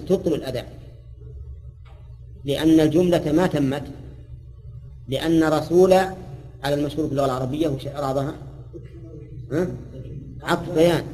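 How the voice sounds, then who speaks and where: A man's voice: fairly high pitch, warm tone. Older man lecturing in an echoing hall. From Saudi Arabia. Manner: explanatory, demonstrates recitation aloud, quizzes students. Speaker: Islamic scholar teaching a hadith commentary. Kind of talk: religious lecture. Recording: reverberant lecture hall recording.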